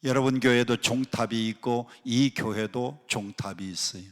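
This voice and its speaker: A male pastor delivers a sermon in a medium-pitched voice, having the congregation repeat phrases after him. He swings between loud, emphatic rises and hushed, near-whispered drops. The sound carries the long reverb of a large worship hall. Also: moderate pace. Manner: leads the congregation in call-and-response repetition. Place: worship hall of a prayer retreat.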